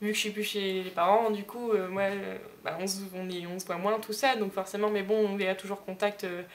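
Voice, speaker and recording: Recorded in a room at home on a noisy amateur digital camera, a woman in her early twenties rambles and giggles as she chats to camera. She is a vlogger and an elder sister, speaking at medium pitch with flat delivery and a slightly quick pace.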